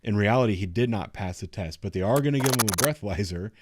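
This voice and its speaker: A man's voice: fairly low pitch, lively intonation, quick pace, background noise. A man giving unscripted, instructive commentary on video footage in a matter-of-fact way. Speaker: commentator reviewing police footage.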